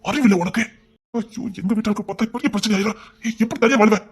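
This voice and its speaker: Man acting as a young rowdy, fast talker, husky voice, scolding, exasperated. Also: sits high. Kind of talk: amateur romance drama acting.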